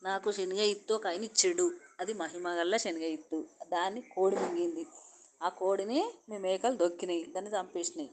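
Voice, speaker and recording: A woman voicing a desperate male beggar who laments and pleads loudly. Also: on the low side, fairly even intonation, brisk, a little hiss or hum, natural voice. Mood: wailing.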